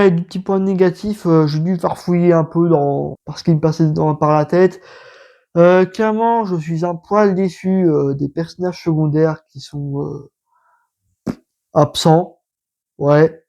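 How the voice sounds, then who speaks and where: A man's voice: high-pitched, a little mellow. A man with a French accent giving a casual, emphatic manga review, talking straight to the viewer. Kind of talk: casual book review for social video.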